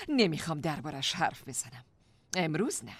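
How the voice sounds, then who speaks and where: An actress voicing an angry teenage girl in a dubbed drama, bitter and rising to shouting. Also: sits low, sing-song, husky, no echo, heavily acted. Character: angry teenage girl confronting her mother.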